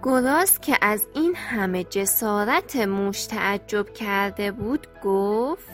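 Gentle woman reading a children's story. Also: mid-range voice. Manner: gentle, clear, friendly storytelling. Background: soft background music.

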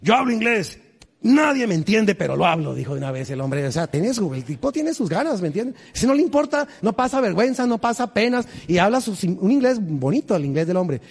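A male pastor tells stories from the pulpit with humor and lively energy, tossing questions out to his congregation. His voice sits a bit high for a man. The sound carries a long, reverberant tail from a large church hall. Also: brisk, few pauses, slightly rough. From Colombia. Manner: animated, humorous, quizzes the congregation. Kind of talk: storytelling sermon.

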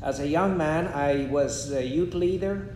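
A man, preaching in short measured phrases and pausing after each one for an interpreter. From Guyana. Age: 70s. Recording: echoey room with a faint rumble.

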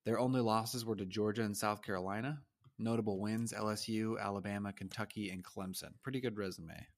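A man with a low voice co-hosts a relaxed sports podcast. He reads off records and results in a dry, matter-of-fact way, dropping in deadpan jokes. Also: fairly quick. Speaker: co-host. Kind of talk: casual sports chat.

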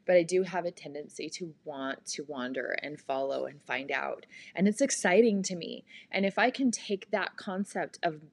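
A woman in her forties hosting a podcast, talking through personal changes in a gentle, thoughtful way with many pauses and fillers. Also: deep voice, animated, vocal fry, no echo. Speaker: podcast host. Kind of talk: reflective personal monologue.

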